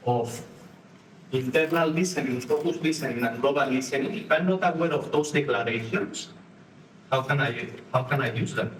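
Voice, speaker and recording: A man from Spain with a Spanish accent, giving a live conference talk with halting phrasing and frequent restarts while acting out postures and inner voices for the audience. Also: a little high, fairly bright tone. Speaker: conference speaker. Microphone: distant room mic. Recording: echoey room from far off, faint noise.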